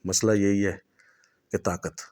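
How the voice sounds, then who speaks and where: A man's voice: lowish voice, flat delivery, darkish tone, natural voice. A man voicing a cunning male sorcerer who talks in a wheedling, persuasive way. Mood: pleading.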